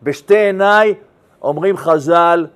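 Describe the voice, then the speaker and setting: High-voiced rabbi telling a Talmud story. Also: male voice, clean tone. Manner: animated storyteller, swings between loud and hushed; addresses listeners with questions. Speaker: rabbi teaching a class.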